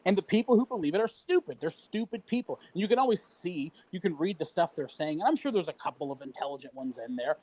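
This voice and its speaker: A man's voice: high-pitched, expressive, quick pace, hardly any pauses, warm tone, husky, no echo, poor audio. A man co-hosting a casual livestream chat, ranting heatedly with profanity and mocking quotes. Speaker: livestream co-host.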